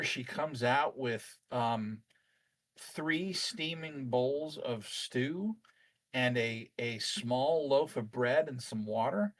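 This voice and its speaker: A man's voice: mid-range voice, a bit bright, low-quality recording. A man improvising narration as game master of a tabletop roleplaying game.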